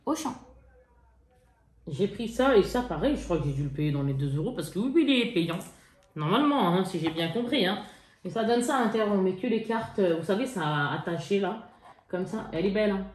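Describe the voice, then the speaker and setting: A woman's voice: medium pitch, lively intonation, a little fast. A young woman in casual chat with her viewers, showing off things she bought. She talks in a slangy, chatty way and laughs often. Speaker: haul vlogger. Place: indoors at home. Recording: echoey room.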